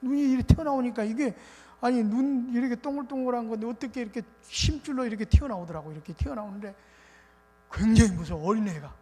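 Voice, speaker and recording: A male pastor preaching a revival sermon in an animated, colloquial storytelling way. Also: very high voice, fast. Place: church sanctuary. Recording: reverberant church hall with faint noise.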